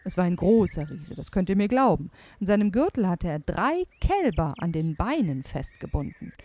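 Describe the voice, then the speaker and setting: A woman with a fairly low voice and moderate pace tells a fairy tale aloud to children. As the storyteller, she is animated and speaks to her young listeners directly.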